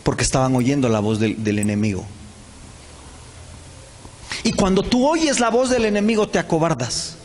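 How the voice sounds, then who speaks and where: A man preaches in a high, lively voice, switching into quick acted dialogue for the characters in his story. His voice rings out through a large church hall with long reverb. Faint ambient noise sits behind him. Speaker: pastor. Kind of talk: sermon.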